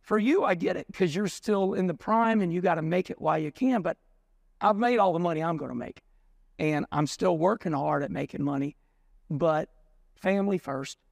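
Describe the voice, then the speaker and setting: A man's voice: high-pitched, normal speed, creaky, no room sound, clean studio sound. A man in his sixties, a racing show host, telling stories in casual conversation and acting out the voices of people he quotes. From United States. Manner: animated storyteller, acts out quotes.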